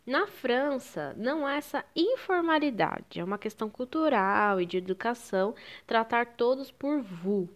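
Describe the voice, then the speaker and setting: Brazilian woman teaching French, slightly high voice. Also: big pitch swings, normal speed. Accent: Brazilian Portuguese. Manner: didactic, explains patiently, switches into French phrases. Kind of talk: online language lesson.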